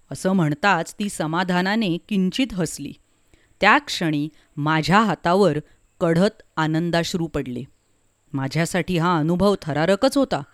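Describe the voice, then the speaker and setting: A woman narrating a story in a measured, emotive reading. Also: fairly low pitch, no echo, studio quality.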